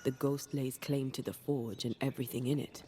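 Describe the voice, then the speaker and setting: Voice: medium pitch, steady tone, moderate pace, natural voice. An actor voicing a cool, observant ghost hunter's companion in a video game, precise, articulate and skeptical. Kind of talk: dramatic video game voice acting. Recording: faint ambient noise behind.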